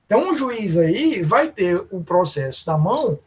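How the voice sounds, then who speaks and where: A man's voice: high voice, very animated, moderate pace, a little mellow, slight background noise. A man teaching law in a lecture, explaining step by step and calling on students by name. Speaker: law professor. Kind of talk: live online lecture.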